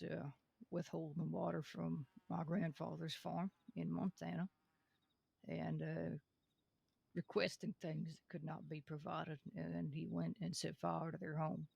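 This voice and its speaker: A man role-plays a young lawman in a game, earnest and folksy. His is heavily creaky and husky, sitting a bit high for a man. He speaks in a measured, hesitant way with little swing in pitch. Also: completely flat delivery, a little mellow, no echo, heavily acted. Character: young Western lawman, son of a reformed outlaw, earnest. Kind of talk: improvised Western role-play.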